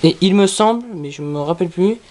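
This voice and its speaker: A product reviewer talking casually through an unboxing in a halting, repetitive way. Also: medium pitch, darkish tone. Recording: clearly noisy with handling clicks.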